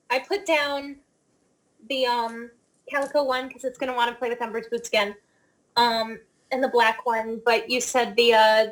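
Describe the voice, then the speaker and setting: A woman's voice: fairly high pitch, low-quality recording. A woman playing a tabletop game, talking in a hesitant way with many fillers. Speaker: player.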